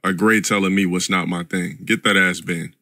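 A man's voice: deep voice, steady tone, moderate pace, pushed and bright, no echo, clean studio sound. A man livestreaming games with casual, blunt, dismissive talk full of slang and swearing. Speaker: video game livestreamer. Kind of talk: casual livestream chat with heavy profanity.

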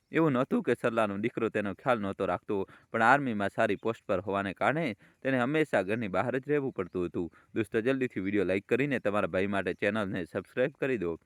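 A man narrating a scripted family story in a steady, matter-of-fact way. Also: lowish voice, no echo, clean studio sound.

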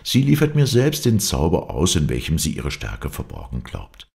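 Male reader doing an eager lovestruck groom, deep gravelly voice, lively rises. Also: moderate pace, full character voice. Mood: rapturous. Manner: eager, earnest. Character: young man, lovestruck eager bridegroom.

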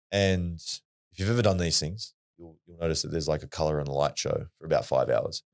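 An Australian man, a podcast guest, telling a personal story in a blunt, earnest way and swearing freely. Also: sits low. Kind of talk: casual storytelling.

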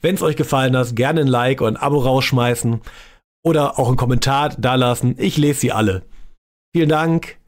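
A man's voice: medium pitch, moderate pace. A man hosting a reaction video, giving mocking commentary in a dry, sarcastic tone. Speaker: reaction channel host.

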